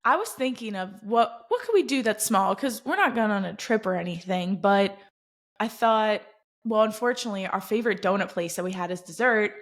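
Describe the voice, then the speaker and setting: A woman's voice: mid-range voice, a little fast. A young woman co-hosting a casual podcast chat, enthusiastic and giggly as she talks. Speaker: podcast co-host.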